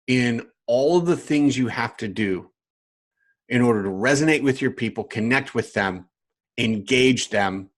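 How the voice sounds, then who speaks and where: A man who coaches other coaches, teaching live online from a screen share, with emphatic repetition and frequent check-ins with viewers. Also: medium pitch. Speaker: business coach.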